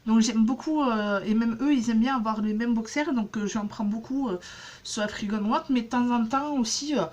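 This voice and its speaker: A woman's voice: a little high, moderate pace, a little mellow. A woman in her thirties chatting casually in a haul vlog, rambling with many fillers and restarts. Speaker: beauty vlogger.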